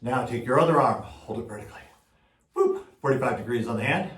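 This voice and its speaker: A man's voice: mid-range voice, lively intonation, a little fast, fairly bright tone, reverberant, distant mic. A man teaching a music class and coaxing pupils to repeat words after him. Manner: upbeat, coaxing call-and-response. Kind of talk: follow-along class lesson.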